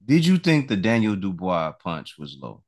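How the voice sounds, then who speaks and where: A man hosting a podcast, chatting casually with slangy, relaxed talk and frequent restarts. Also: low-pitched, normal speed. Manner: relaxed, slangy, repeats words while thinking. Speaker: podcast host. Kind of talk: casual interview chat.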